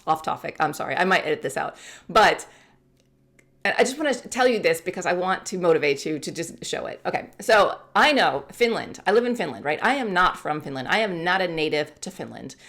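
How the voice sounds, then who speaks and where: Chatty woman in her forties, candid vlogger talk, slightly low voice. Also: fairly bright tone. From United States. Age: 40s. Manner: chatty, candid, laughs often. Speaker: YouTuber. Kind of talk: casual talk to camera.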